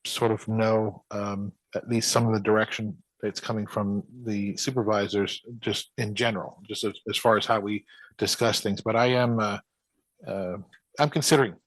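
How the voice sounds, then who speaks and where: A man's voice: on the low side, steady tone, normal speed, no room sound, poor audio. A man serving as a township supervisor, answering residents hesitantly with many fillers. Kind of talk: meeting discussion. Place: township meeting room.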